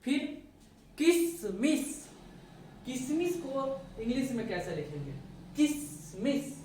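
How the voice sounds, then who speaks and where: A woman teaching a spelling lesson, slowly spelling out words letter by letter and asking her students questions. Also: sits high, very animated, dark tone, a little hiss or hum. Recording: echoey room, voice from a distance.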